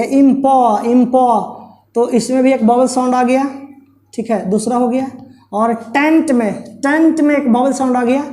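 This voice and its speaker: A woman's voice: high-pitched, a little mellow. A woman teaching an English grammar lesson, patiently repeating points and asking and answering her own questions. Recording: echoey room.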